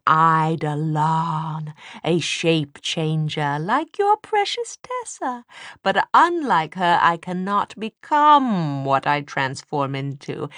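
A woman voicing a bitter, proud female demon with a high, thin voice, drawn out slowly and hissing. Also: a bit bright, dry recording, studio quality.

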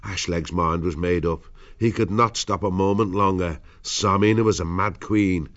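Male storybook narrator: lower register, dramatic scripted delivery, soft-edged lo-fi recording. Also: fairly even intonation, moderate pace. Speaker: audiobook narrator.

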